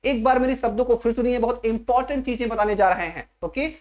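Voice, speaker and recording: A woman teaching an English grammar lesson in an exam coaching class. She steps through each point slowly and keeps asking the class rhetorical questions. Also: fairly high pitch, darkish tone, muffled recording. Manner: slow and repetitive, spelling out each step.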